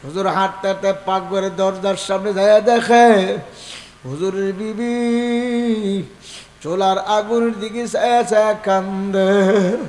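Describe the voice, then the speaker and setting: A man's voice: high voice, steady tone, a little mellow. A male preacher, telling a devotional story in a waz sermon and drawing out sung, wailing refrains. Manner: storytelling, drawn-out melodic chanting, emotional.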